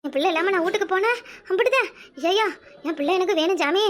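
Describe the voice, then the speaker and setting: A woman's voice: very high voice, fast, fairly bright tone. A woman voicing a frantic village mother searching for her missing son, wailing, with a Kanyakumari Tamil accent. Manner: wailing, fretful.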